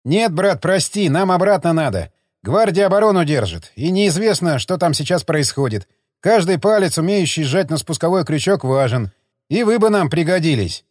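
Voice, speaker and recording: Man voicing a blunt veteran soldier, audiobook, firm, lively, slightly high, dry sound. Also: normal speed, no room sound. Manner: blunt, matter-of-fact, raised. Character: gruff seasoned soldier, blunt and practical.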